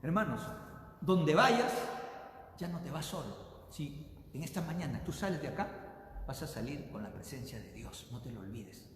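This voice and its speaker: A man preaching a sermon as pastor, swinging between loud bursts and hushed drops, often calling out to his brothers in the congregation. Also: a little high, animated, moderate pace, a little hiss or hum. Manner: repeatedly addresses the congregation as brothers. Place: church sanctuary. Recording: very echoey hall with long reverb.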